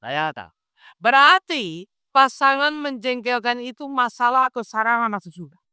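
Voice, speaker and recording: A man preaching a sermon in a lively, conversational way, firing quick rhetorical questions at his congregation. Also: extremely high pitch, clean tone, no room sound, clean studio sound. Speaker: Islamic preacher.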